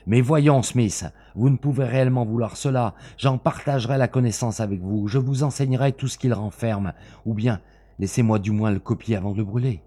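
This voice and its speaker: A man's voice: medium pitch, fairly quick, dark tone, slightly rough, voice pushed up, close to an everyday voice. A man voicing a scheming, frightened man who pleads and protests in an agitated, raised voice, in a storybook reading. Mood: pleading.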